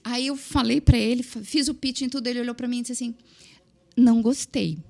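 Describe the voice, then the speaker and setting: A woman's voice: a little high, steady tone, fast, creaky, darkish tone. Chatty Brazilian woman telling a story. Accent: Brazilian Portuguese. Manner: frequent tag questions and filler words. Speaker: podcast guest, TV producer. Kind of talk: casual interview storytelling.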